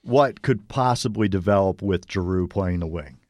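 A man's voice: deep voice, moderate pace, a little mellow, no echo. A man co-hosting a casual sports podcast, easygoing and agreeable, often chuckling. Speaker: podcast co-host.

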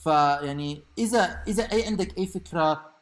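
A man's voice: fairly high pitch, a little fast. A man with a Levantine Arabic accent co-hosting a podcast, chatting casually in a joking, playful way. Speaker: podcast co-host. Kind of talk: casual bantering chat.

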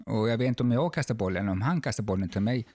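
A man in his fifties in a casual group chat, telling stories in a lively way and swearing freely. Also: fairly low pitch. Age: 50s. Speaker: guest in group talk.

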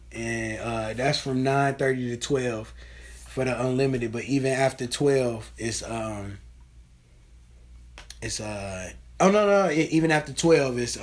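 A man hosting a casual podcast, talking loosely and profanely with lots of fillers. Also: mid-range voice. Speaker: podcast host.

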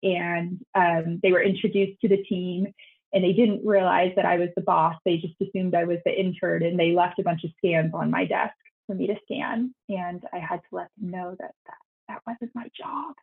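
Over tinny video-call audio, a young architect appearing as a guest answers interview questions earnestly, her creaky voice climbing high in excitement. She is quick to repeat her words.

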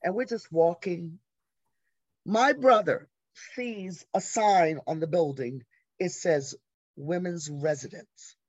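A woman in her sixties from the American South, guesting on an interview and telling stories in a lively way, acting out the people she quotes. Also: lowish voice, slow pace, dry recording. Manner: animated storyteller who acts out quoted voices. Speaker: interview guest, arts educator. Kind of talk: conversational storytelling. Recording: dry, slightly dull lo-fi audio.

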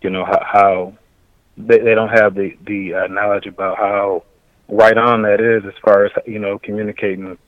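Sex: man. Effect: muffled call line breaking up. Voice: low, halting. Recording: dull, dry, lo-fi. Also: level tone, no echo. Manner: halting, searching for words. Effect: muffled remote call line, audio breaking up. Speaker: guest calling in remotely. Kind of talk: casual podcast chat.

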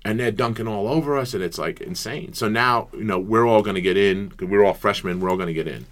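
Middle-aged guy, deep low voice, ex basketball player telling stories on a podcast, gets real animated. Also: quick pace. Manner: animated storyteller, acts out quotes loudly. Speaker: guest, former college basketball player. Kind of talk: storytelling interview chat.

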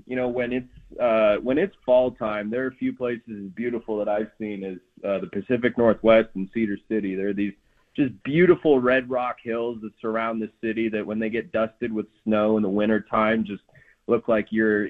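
Man on a tinny satellite phone line. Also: lowish voice. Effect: remote call over a satellite phone-style line. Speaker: sports radio guest, play-by-play announcer. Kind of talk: casual radio interview.

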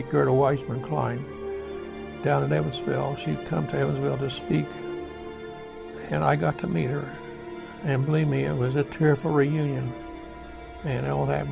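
In a radio drama monologue with music behind him, a male actor plays a remorseful old American WW2 veteran haunted by killing. His voice is very gravelly yet fairly high-pitched, and he recounts war memories in a halting, plainspoken, folksy way.

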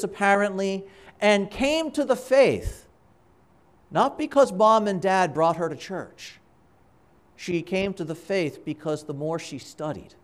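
A man speaking as a priest at Mass, reading and preaching in a measured, deliberate way with dramatic pauses between short phrases. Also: high-pitched. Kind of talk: Gospel reading and homily at Mass.

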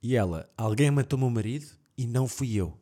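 A man's voice: medium pitch, fairly quick. A man with a European Portuguese accent, casually telling creepy stories on a podcast and acting out the voices in the story. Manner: animated, acts out voices in shouts, laughs often.

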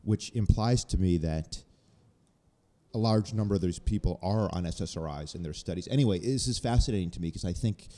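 A man's voice: low voice, a little fast, warm tone, long reverb tail. A man in casual podcast chat, earnestly explaining research at length.

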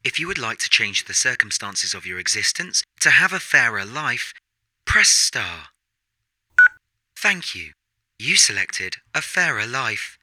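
A man voicing a smug automated phone menu for a comedy sketch, sounding flat and patronizing. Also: mid-range voice, measured pace, dry recording, full character voice. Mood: mock polite.

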